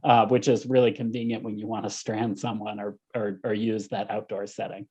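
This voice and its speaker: A man author in a panel talk, speaking hesitantly with many pauses and restarts. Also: on the low side, little pitch movement, darkish tone, husky. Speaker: author guest. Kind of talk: panel discussion. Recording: muffled lo-fi audio.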